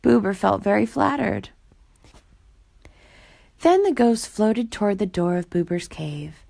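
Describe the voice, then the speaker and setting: A woman reads a children's storybook aloud in a gentle, even storytelling voice. Her tone has a gravelly fry running through it. The recording is dry and close to the mic. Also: mid-range voice, measured pace, no echo. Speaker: storybook reader.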